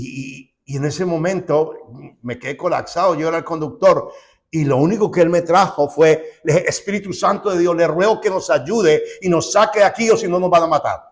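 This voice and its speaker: A middle-aged male pastor preaching a sermon, switching between loud, slow declarations and quiet asides, often calling listeners brother. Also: mid-range voice. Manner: calls the congregation brother.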